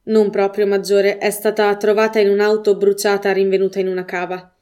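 A woman reading the lines of a male police superintendent in a measured, formal tone. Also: medium pitch, completely flat delivery, darkish tone, smooth, natural voice.

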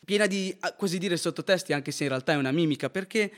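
An earnest man co-hosting a casual film review, laying out his points and checking in with the listener as he goes. His voice sits a little high for a man. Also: quick pace. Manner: earnest, with tag questions.

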